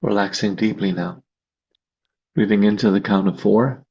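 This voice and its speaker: On a dull, lo-fi video call, a man with a lowish, slightly rough voice hosts a guided meditation. He gives calm, slow instructions in short, measured phrases, pausing at length between them.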